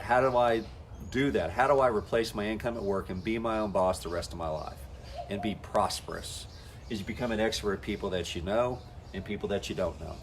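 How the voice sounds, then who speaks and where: Speaking at a fairly low pitch over slight background noise, this man coaches network marketers. His style is folksy and talk-to-camera, and he plays out quoted conversations with the people he meets.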